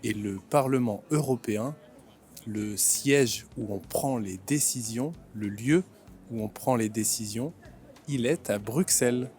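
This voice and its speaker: A man in his twenties from France, hosting a vlog and explaining things simply, with slow, clear speech that repeats and rephrases. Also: medium pitch, darkish tone, soft background music. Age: 20s. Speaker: vlog host and French teacher. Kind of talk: slow comprehensible-input vlog narration. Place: outdoors in a city.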